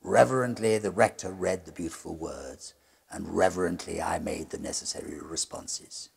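A very deep, gravelly male voice with a husky, breathy edge tells a ghost story. His reading is solemn and dramatic, and he sinks to a near whisper when the tale turns dreadful. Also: moderate pace.

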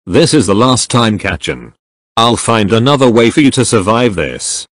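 A man voicing a gentle, flustered young man protesting in a fan comic reading. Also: lowish voice, animated, moderate pace, dry recording. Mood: firm.

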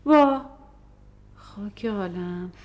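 A woman's voice: medium pitch, animated, a little mellow, lightly acted. An actress playing a doting middle-aged mother in a televised stage drama, soothing and fussy by turns. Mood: tender. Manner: soothing then exasperated.

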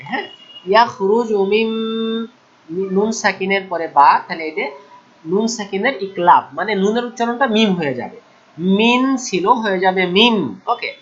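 A man from Bangladesh teaching tajweed, chanting verses slowly and then explaining the rules in quick, plain speech. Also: sits high, lively intonation, a bit bright, lo-fi sound. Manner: alternates slow drawn-out recitation with quick explanations. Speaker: Quran teacher. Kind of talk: tajweed recitation lesson.

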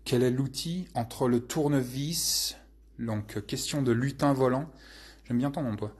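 Husky man rambling through viewer questions. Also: mid-range voice, measured pace, darkish tone. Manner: rambling, full of hesitations, crude slang. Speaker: channel host answering viewer questions. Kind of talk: casual live Q&A chat.

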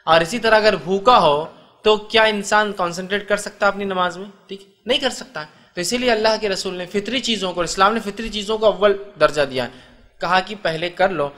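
A man's voice: high voice, sharp tone. A man giving a religious lecture, explaining step by step and asking his listeners rhetorical questions. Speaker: Islamic preacher.

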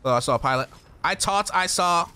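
A young man giving excitable live commentary while streaming a shooter game, swearing casually and talking to his chat and teammates. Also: on the high side, a little fast. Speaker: gaming streamer.

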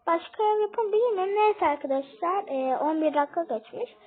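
Young woman, excitable, chatty gaming vlogger, very high voice, thin phone-like sound. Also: brisk. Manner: excitable, chatty, addresses viewers as friends. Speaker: gaming video host. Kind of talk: casual gameplay vlog.

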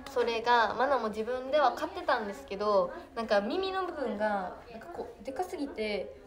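Brief: teen girl, Kansai accent, fairly high voice, chatty and giggly livestreamer on a phone. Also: animated, a little fast, a crowd in the background. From Hyogo, Japan. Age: teens. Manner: chatty, giggly, reacts to comments. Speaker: idol trainee livestreamer. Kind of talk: casual livestream chat reading comments.

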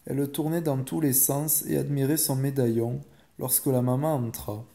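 Mellow-voiced male bedtime storyteller. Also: mid-range voice, creaky. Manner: calm and measured.

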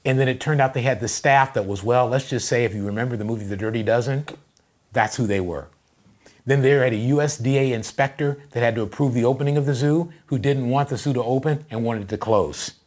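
A male pastor preaching a sermon, telling a story with animated, emphatic delivery that builds to loud passages. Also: mid-range voice, a little fast. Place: church livestream.

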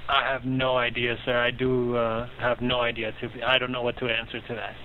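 A man's voice: mid-range voice, monotone, normal speed, slight background noise. Man on a tinny phone line. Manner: polite, hesitant, many ums, calls caller sir. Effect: heard over the phone. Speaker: customer service agent. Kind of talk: phone support call.

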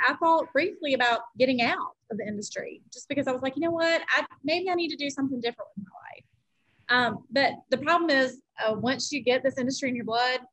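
A woman's voice: a little high, fairly bright tone, low-quality recording. A woman panelist on a video call, candidly telling a personal story.

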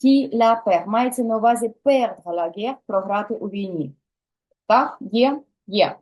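A woman teaching a French lesson who explains song lyrics and slowly models pronunciation for the learners to repeat. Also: medium pitch, expressive, darkish tone.

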